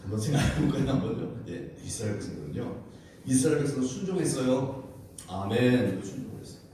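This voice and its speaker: Animated pastor in a very echoey church. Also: male voice, mid-range voice, fast talker. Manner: lively, questioning the congregation, animated storytelling. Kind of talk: wednesday prayer service sermon. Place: church sanctuary. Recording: very echoey church, distant mic, faint hiss.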